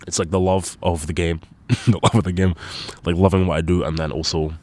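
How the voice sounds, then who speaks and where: A man's voice: low-pitched, steady tone, fairly quick, mellow. A young man with a congested, nasal voice, rambling casually and swearing often as he hosts his own podcast. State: congested nose. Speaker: solo podcast host.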